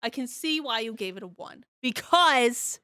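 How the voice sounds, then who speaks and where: A woman with a fairly high voice co-hosts a casual podcast chat, animated and quick to laugh, swearing freely. The sound is dry and close, with no room around it. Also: no echo. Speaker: podcast co-host.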